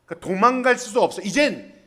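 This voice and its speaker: A man's voice: sits high, lively intonation, quick pace, a bit bright. A man preaching a colloquial, joking sermon as a pastor, telling stories and acting out the dialogue in character voices. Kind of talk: storytelling sermon. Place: church in Hanoi.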